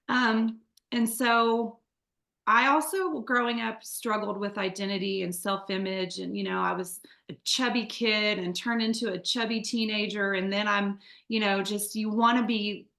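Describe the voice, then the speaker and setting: In a roomy-sounding recording, a woman in her forties from the Midwest shares her life story as an interview guest. Her mid-range voice is gravelly yet bright and forceful. She speaks candidly and chattily, often using fillers and restarting sentences.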